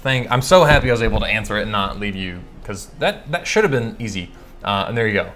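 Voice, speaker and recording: A man from California hosting a casual live coding stream, chatting and thinking aloud, reading code out slowly with lots of fillers and self-corrections. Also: lowish voice, animated, fairly bright tone. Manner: reads code aloud slowly while typing. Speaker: livestream host answering coding questions.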